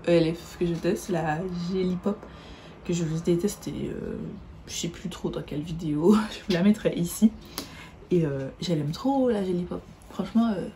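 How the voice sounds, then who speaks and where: A woman talks through her makeup routine in a loose, chatty way, often stopping to correct a word. Her voice is mellow and relaxed. A faint hiss sits under the recording. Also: lowish voice. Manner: chatty, self-correcting, describes as she applies. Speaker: beauty vlogger. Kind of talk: casual makeup tutorial chat.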